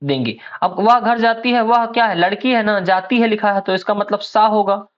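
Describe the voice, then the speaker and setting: A man's voice: high-pitched, moderate pace. A man teaching an exam prep lesson, explaining patiently and checking in with his students after nearly every point. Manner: explains patiently, keeps asking "ठीक है ना". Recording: dull lo-fi recording.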